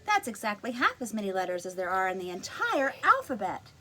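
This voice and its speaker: A woman voicing a bossy know-it-all little girl in a storybook read-aloud, a bit louder than her narration. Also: mid-range voice, very animated, fairly quick, slight background noise. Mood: smug.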